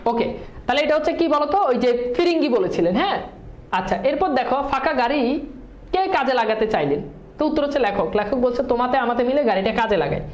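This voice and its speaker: A woman's voice: high-pitched, animated, darkish tone, roomy sound. A woman teacher, quizzing students in an exam-prep lesson and mixing English words into her speech. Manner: quizzing students with quick questions and answers.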